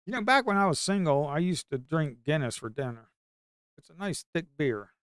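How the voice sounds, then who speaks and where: A middle-aged man with a Southern Appalachian drawl chats on a live trading stream, slipping into long, crude, folksy stories. His voice is smooth and resonant, a bit high for a man. The sound is dry and close, with no room echo. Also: very animated, moderate pace. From Blue Ridge Mountains, US. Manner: rambling storyteller, folksy and crude, bursts into hollers. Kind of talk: casual live-stream chat.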